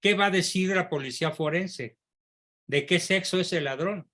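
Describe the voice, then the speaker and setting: A man teaching in a class discussion, speaking with firm, assertive emphasis. His voice is bright and edged and sits a little high for a man. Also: normal speed. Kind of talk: lecture with student questions.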